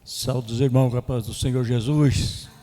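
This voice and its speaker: A pastor who exhorts a congregation and leads a fervent closing prayer, repeating phrases of praise. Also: male voice, medium pitch, steady tone, normal speed, dark tone. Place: church sanctuary. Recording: reverberant church hall.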